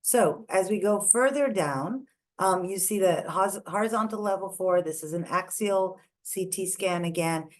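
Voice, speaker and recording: Moving carefully through scans in an online lecture, a woman from India, whose native language isn't English, points out the ear's structures one by one. She has a mid-range voice and a measured pace.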